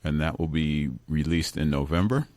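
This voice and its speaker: A guest musician from Brooklyn, New York, chats in a relaxed radio interview in a studio, rambling, self-correcting, often restarting sentences, and chuckling now and then. His voice is very deep and a little mellow, at normal speed. The recording is dry.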